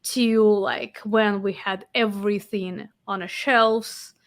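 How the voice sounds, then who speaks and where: A woman in her forties from Russia with a Russian accent, a podcast host being interviewed, telling her story in an animated way with fillers and restarts. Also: mid-range voice, slow. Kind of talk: casual interview.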